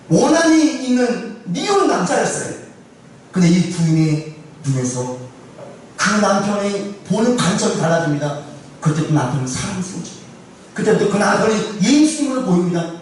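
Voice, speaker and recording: A male pastor preaching in a church sanctuary, telling a story with lively swings of pitch and a fairly high voice. He throws rhetorical questions at the congregation. The sound is very echoey and distant, with faint noise behind. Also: moderate pace. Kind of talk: sermon.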